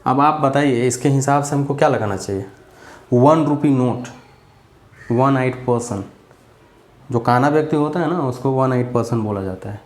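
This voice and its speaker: A man's voice: medium pitch, moderate pace, long pauses, reverberant. A man giving a casual grammar lesson, chatty and repetitive as he drills examples. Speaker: English grammar teacher.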